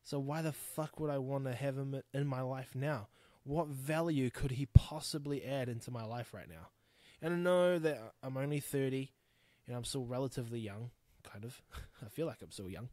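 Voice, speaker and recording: A New Zealand man in his thirties hosts a solo podcast, rambling bluntly and frankly and swearing freely in a candid monologue. His voice is mid-range and slightly mellow, with no echo.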